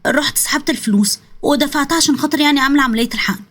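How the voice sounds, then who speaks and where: A woman's voice: sits high, rapid-fire, fairly bright tone. A woman with an Egyptian accent voicing an anxious young wife who speaks apologetically. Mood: apologetic. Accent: Egyptian Arabic.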